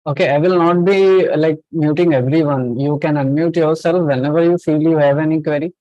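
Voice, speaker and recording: A man's voice: a little high, fairly even intonation, brisk, warm tone, dry recording, lo-fi sound. Man hosting an online webinar. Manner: repeats short confirmations and checks in with listeners. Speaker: webinar host and trainer. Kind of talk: interactive webinar presenting. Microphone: online video call.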